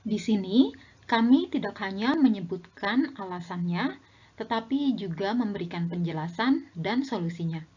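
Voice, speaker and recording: Young woman, husky, friendly teacher, dull lo-fi sound. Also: medium pitch, animated, moderate pace, a little mellow. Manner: friendly, addresses viewers as friends. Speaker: language teacher. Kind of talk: scripted educational narration.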